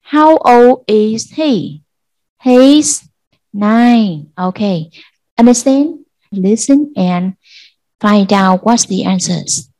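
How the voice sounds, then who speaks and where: A Vietnamese-accented woman teaching an English class to children, slow and patient, repeating answers for pupils. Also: medium pitch, lively intonation, dark tone, no echo, rough recording. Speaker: primary school English teacher. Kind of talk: online class lesson.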